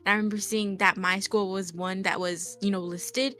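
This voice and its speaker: A woman's voice: medium pitch, moderate pace. A young adult woman chatting casually with friends, telling a story with many "like"s and "um"s. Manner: animated storytelling with many fillers. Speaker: guest. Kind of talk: casual group chat.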